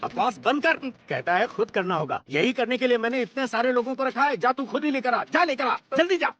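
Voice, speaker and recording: A high-pitched, bossy landowner barks commands and bristles at every slight. He plays the master of the house in a TV serial, with soft music behind him. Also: animated, fairly quick, dull audio. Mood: irate. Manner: shouting, bossy and indignant. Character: proud short-tempered landowner, master of the house. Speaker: head of the household.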